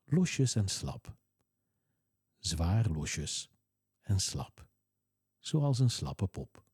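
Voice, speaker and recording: Slow, soothing deep-voiced man, husky. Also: no room sound, clean studio sound. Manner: slow, soothing, calm instructions. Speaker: relaxation guide. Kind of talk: guided relaxation script.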